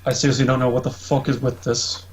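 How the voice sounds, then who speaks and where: A man's voice: medium pitch, level tone, fast, a little hiss or hum. A man at a tabletop game session, talking through the rules aloud in casual chat and swearing freely. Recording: slightly muffled lo-fi mic.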